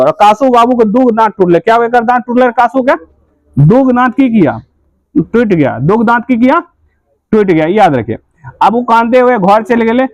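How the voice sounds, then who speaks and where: Male teacher, Bihari accent, very high voice, drills with self-answered questions, dry close sound. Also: no echo. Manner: asks quiz questions and answers them himself; repetitive, drilling key points. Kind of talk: classroom lesson explaining a story.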